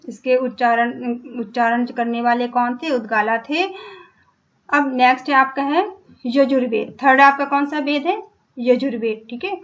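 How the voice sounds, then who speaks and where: A woman's voice: sits high, normal speed. A woman teaching an exam-prep lecture, repeating each point, asking and then answering her own questions. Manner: repetitive, checks in with "ठीक है", asks and answers her own questions. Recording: dull lo-fi recording.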